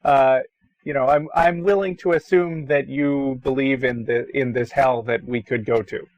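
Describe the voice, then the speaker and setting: A man's voice: medium pitch, steady tone, normal speed, dry recording, dull audio. A man co-hosting a call-in talk show, debating in a dry, sardonic, argumentative way.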